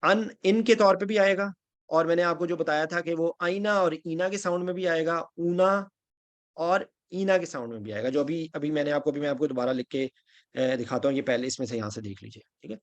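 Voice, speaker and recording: A man with a fairly high-pitched voice leads an online Quran grammar lesson. He reads out lists of Arabic word forms one by one. He stops often to ask whether his students are following. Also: fairly quick. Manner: patient, repeats "theek hai?" to check understanding.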